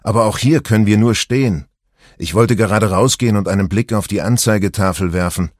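A man voicing a relaxed, easygoing husband in his forties in an audiobook, speaking up as if over noise. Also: on the low side, fairly quick, dry recording, studio quality, lightly acted. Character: relaxed husband, man, 40s, stuck in a crowd.

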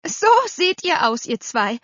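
A woman voicing a brisk, bossy middle-aged aunt who talks emphatically, in a storybook reading. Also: high voice, big pitch swings, fairly bright tone, no echo, voice pushed up, exaggerated voice. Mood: scolding. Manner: emphatic, scolding. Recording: slightly dull dry recording.

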